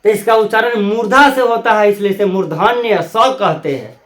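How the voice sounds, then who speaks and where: A man's voice: high voice, normal speed, a bit bright. A man teaches grammar. He drills his students by firing questions at them, answering each one, and repeating every term. His voice rings around an echoey room. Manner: repeats key terms, quizzes the listener with questions. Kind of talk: classroom grammar lesson.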